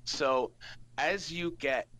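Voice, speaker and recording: A man improvising narration as game master of a tabletop game, halting and thinking aloud as he goes. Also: fairly high pitch, background noise. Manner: hesitant, halting, piecing rules together aloud.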